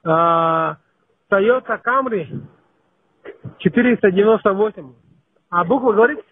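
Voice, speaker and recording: A man's voice: high-pitched, measured pace, slight background noise. A tipsy man calling a police duty line, asking questions in a naive, hesitant, earnest way. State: drunk, tipsy. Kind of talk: casual phone call. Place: phone call. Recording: tinny, band-limited phone line.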